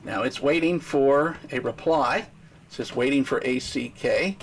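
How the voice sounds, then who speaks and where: A man's voice: mid-range voice, measured pace, a little hiss or hum. An American man instructing step by step in marine radio use, methodical and explanatory. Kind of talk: step-by-step demonstration with radio procedure. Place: aboard a docked sailing boat.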